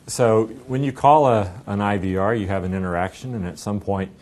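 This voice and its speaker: A middle-aged man representing a software company gives a demo, describing the product in a relaxed, conversational way as he's interviewed. His delivery is brisk and his tone darkish. A lapel microphone clipped to him records him clearly in an indoor meeting room, with low room rumble underneath.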